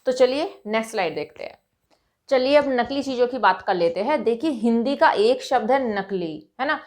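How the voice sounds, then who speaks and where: A woman teaching English vocabulary to Hindi speakers, explaining patiently and often checking with "right?", saying example sentences slowly. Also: a little high, lively intonation, darkish tone.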